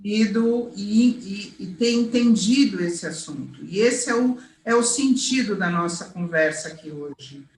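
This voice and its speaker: A woman hosting an interview, chatting warmly and reminiscing with her guest. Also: medium pitch, expressive, unhurried, few pauses. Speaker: interviewer, host. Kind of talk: friendly conversational interview. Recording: echoey call audio.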